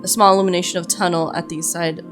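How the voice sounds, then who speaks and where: A woman playing a text adventure, reading the game's story aloud and reacting excitedly with laughs and yelps at the scares. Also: fairly low pitch, fast talker, over music. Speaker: game streamer. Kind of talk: let's-play commentary and reading game text.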